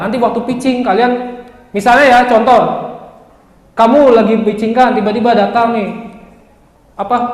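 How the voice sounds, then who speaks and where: A male university lecturer, giving a lively classroom lecture, joking and speaking straight to his students. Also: high-pitched. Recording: echoey room with long reverb.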